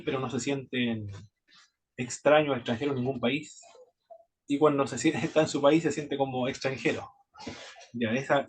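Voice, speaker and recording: A man with a Chilean accent teaching a theology class at a Bible institute, lecturing in a halting way with frequent restarts. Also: medium pitch, breathy edge. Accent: Chilean Spanish. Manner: halting, many restarts and repeated words.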